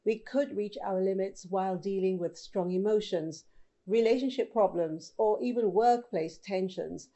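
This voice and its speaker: Mellow-voiced woman news host. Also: medium pitch, moderate pace, dull audio. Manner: conversational, addresses viewers directly. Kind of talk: scripted news presenting.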